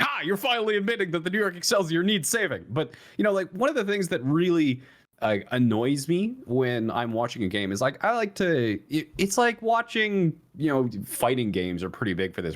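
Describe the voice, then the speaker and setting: A man co-hosting an esports talk show, explaining his view in a rambling way, with many restarts and fillers. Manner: rambling with many restarts and fillers, jumps higher when emphatic. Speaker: esports podcast co-host. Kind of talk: casual analytical chat.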